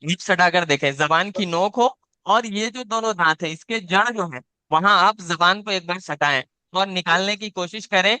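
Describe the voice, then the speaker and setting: Bright, clear-voiced male Quran teacher. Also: high voice, moderate pace, no room sound. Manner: patient, repeats points, demonstrates each sound aloud. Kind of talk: live online class, teaching letter sounds. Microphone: video call.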